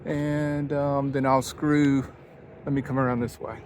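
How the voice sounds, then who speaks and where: Faint wind and highway noise sits behind a man talking outdoors. He has a medium-pitched voice and chats casually as he works through a do-it-yourself job. His manner is folksy, as if thinking out loud. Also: little pitch movement, measured pace. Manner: folksy, thinking aloud while working. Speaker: vlogger. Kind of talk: casual do-it-yourself vlog narration. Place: outdoors beside a van near a highway, windy. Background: wind and interstate traffic.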